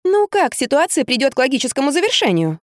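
A woman voicing an excitable young wife who plays the fool, exclaiming and indignant. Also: sits high, fast talker, no room sound, clean studio sound, voice pushed up. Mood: agitated.

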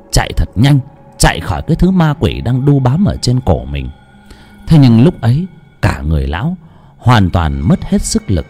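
A male storyteller narrates a horror tale with a very lively, wide-ranging pitch. His tone is dark and mellow, with soft music playing faintly underneath. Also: husky. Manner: dramatic, animated storytelling. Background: faint background music.

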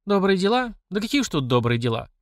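A man's voice: sits high, sing-song, quick pace, no room sound, studio quality, pitched above the performer's own voice. A man voicing a plain-spoken, motherly older woman in an audiobook. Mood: soothing.

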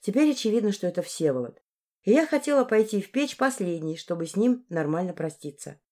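A woman narrates a first-person fantasy novel in a steady, storytelling voice. Her timbre is dark and mellow, and her pitch sits in a middle range. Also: a little fast. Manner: even, storytelling delivery. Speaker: audiobook narrator.

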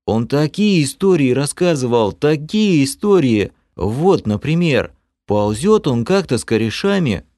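A man's voice: medium pitch, very animated, darkish tone, no echo, clean studio sound, voice pushed up. A man voicing a grieving bald male elf who drags out his words and rambles. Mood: mournful. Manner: mournful, drawn-out and tuneless.

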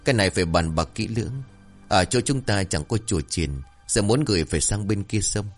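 Calm, level-headed village father in a told folk tale, low reassuring voice, read by a male narrator. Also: a little fast, faint music behind, lightly acted. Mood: cautious. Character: steady middle-aged village father, calm.

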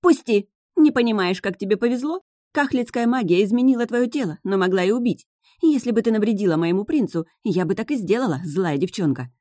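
A woman voicing a haughty, scheming sea witch who turns sarcastic and shrill. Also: expressive, a little fast, darkish tone, no room sound, clean studio sound, lightly acted. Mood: haughty, indignant.

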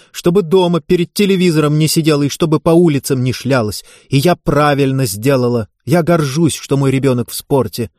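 A man voicing an angry, sharp-tongued middle-aged mother in an audiobook, speaking sarcastically in a raised, pushed-up voice. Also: fairly high pitch, no echo, studio quality, natural voice. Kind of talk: audiobook character voice.

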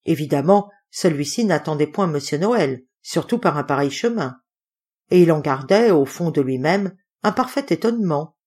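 A woman narrating a classic novel as an audiobook reader, with lively expressive storytelling. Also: sits low, moderate pace, husky.

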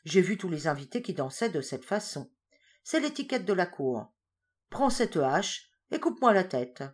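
A proud male tiger from a storybook , played by a woman reader, who talks in a loud, blustering way. He is vain and quick to anger. His voice swings widely in tone. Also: on the low side, sing-song, husky. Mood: insistent. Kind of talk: storybook reading.

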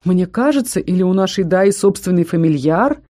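A woman voicing a carefree young male vampire student who calls out loudly and cheerfully. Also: fairly low pitch, animated, normal speed. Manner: loud, carefree calling out.

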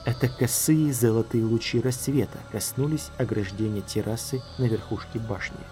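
A man narrating an audiobook in a measured storytelling manner. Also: medium pitch, warm tone, faint music behind.

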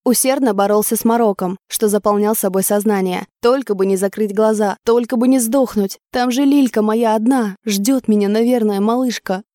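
A woman reading as a wounded gruff ex-soldier. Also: mid-range voice, fairly even intonation, moderate pace, few pauses, dark tone, no room sound, clean studio sound, natural voice. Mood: grim. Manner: rough, blunt inner monologue.

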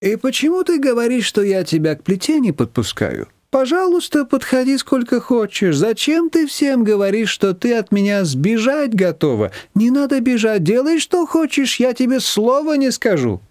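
A woman's voice: on the high side, very animated, moderate pace, hardly any pauses, darkish tone, dry recording, studio quality, pitched above the performer's own voice. A man voicing a fussy nagging mother-in-law. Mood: sugary. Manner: sugary, fretful, nagging. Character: fussy older mother-in-law, sweetly reproachful.

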